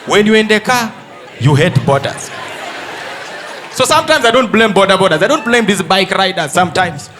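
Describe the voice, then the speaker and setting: Animated, high-pitched Ugandan comic on stage. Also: male voice, moderate pace, pauses often. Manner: animated storytelling, acting out characters in dialogue. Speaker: stand-up comedian. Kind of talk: live stand-up comedy. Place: live comedy stage before an audience. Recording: live show with faint crowd noise.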